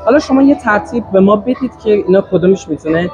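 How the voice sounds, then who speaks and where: A man's voice: high voice, lively intonation, highs cut off, music in the background. A man hosting an interview podcast, asking questions with many hesitant fillers. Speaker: podcast host.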